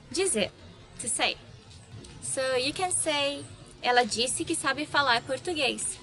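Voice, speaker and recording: A woman's voice: fairly high pitch, a bit bright. A woman, explaining verbs with examples as a language teacher. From Brazil. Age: 20s. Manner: friendly, explanatory, gives examples.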